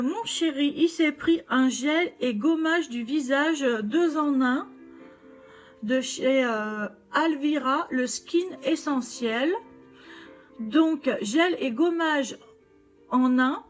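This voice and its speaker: A woman's voice: sits high, slow pace, soft background music. A woman chatting casually to camera about her shopping haul, full of fillers and restarts. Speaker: vlogger showing shopping haul. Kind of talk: casual chat.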